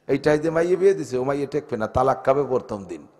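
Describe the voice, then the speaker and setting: A man with a Gopalganj Bengali accent preaching an Islamic sermon to a congregation. He swings from shouted exhortation to soft, joking asides. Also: medium pitch, animated, fast. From Bangladesh. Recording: long hall reverb.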